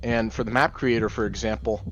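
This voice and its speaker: A young man doing gameplay commentary in a deadpan monotone, rambling through offbeat musings. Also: fairly low pitch, brisk, highs cut off, a little hiss or hum. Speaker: gaming channel host.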